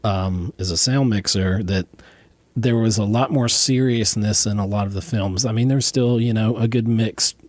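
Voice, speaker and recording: A man hosting a radio interview, asking questions in a halting, friendly way with many fillers. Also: fairly low pitch, steady tone, a little mellow, no room sound. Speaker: interview host.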